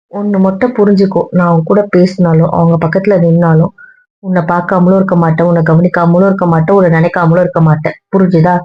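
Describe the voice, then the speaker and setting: A woman in a couple's argument vlog, talking to her partner in a hurt, weary, lecturing way. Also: lowish voice. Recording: dull lo-fi sound.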